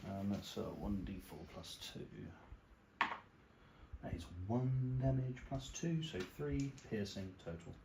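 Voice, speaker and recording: A man's voice: on the low side, lively intonation, takes it slowly. A man playing a tabletop game, calling out rolls and damage in a matter-of-fact way with a playful streak. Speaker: player. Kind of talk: casual tabletop game play. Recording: roomy with faint noise.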